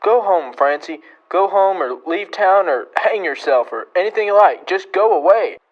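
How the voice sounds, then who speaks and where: A man's voice: sits high, expressive, moderate pace. Man playing stern frontier marshal, muffled sound. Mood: cold, exasperated. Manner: terse, authoritative. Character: stern, weary, commanding frontier town marshal. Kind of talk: old-time radio western drama acting.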